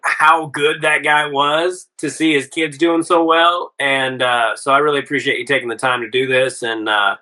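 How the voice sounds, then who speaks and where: A man's voice: medium pitch, steady tone, moderate pace, hardly any pauses, sharp tone, low-quality recording. A middle-aged man hosting a casual interview podcast, friendly and rambling, with lots of "uh" and "man". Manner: friendly, rambling with many fillers. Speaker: podcast host.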